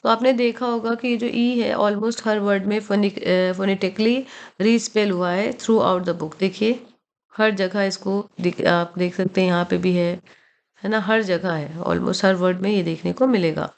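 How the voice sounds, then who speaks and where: A woman teaching pronunciation from a textbook, moving at an unhurried classroom pace. She stops to spell words letter by letter and repeats them slowly, checking in with her students every few phrases. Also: medium pitch, fairly even intonation, gravelly. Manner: slow, careful spelling-out of words, frequent "thik hai" check-ins. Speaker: English teacher. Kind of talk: explaining a textbook in Hindi mixed with English.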